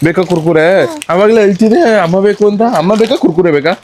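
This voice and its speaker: A man's voice: sits high, rapid-fire, darkish tone. A young man with a Kannada accent, chatting casually in a vlog, teasing and coaxing a crying little girl. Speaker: vlogger. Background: crowd chatter.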